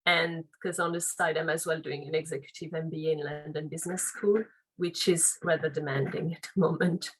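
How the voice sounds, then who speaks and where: A Frenchwoman in her late thirties with a French accent, speaking English as a second language. Her voice sits on the lower side, and she answers interview questions reflectively, circling back and rephrasing as she goes. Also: steady tone, fairly quick, slightly rough, poor audio. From France. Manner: thoughtful, reflective, loose phrasing with restarts. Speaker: guest, legal and compliance officer.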